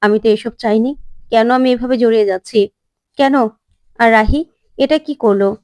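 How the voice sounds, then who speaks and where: A woman's voice: fairly high pitch, normal speed, a little mellow, smooth, no echo, clean studio sound, lightly acted. A woman voicing an angry, anguished young husband in a retold drama story, talking in a plain pleading or rejecting way. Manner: pleading, then sharply rejecting.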